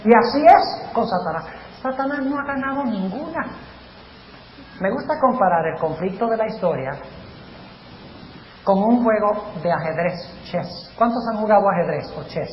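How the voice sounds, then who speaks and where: A male pastor delivers a lively sermon, firing questions at the congregation. His voice sits high, and it rings out through a large hall with a long reverb tail and a faint hum behind it. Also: normal speed, muffled recording. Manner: animated, quizzes the audience with questions. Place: large hall before a live audience. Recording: echoey hall, faint noise.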